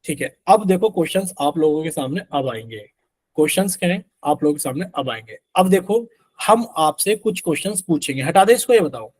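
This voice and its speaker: A man's voice: a little high, lively intonation, brisk, husky, dry recording. A young man teaching math in a live online class, constantly quizzing students and voicing their answers for them. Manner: asks students questions constantly, voices their replies as "sir".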